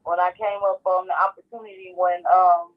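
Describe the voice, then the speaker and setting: A woman's voice: on the low side, little pitch movement, moderate pace, muffled recording. A woman from Texas, a guest, talking in a plain, matter-of-fact way about her life story. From Garland, Texas. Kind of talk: personal storytelling.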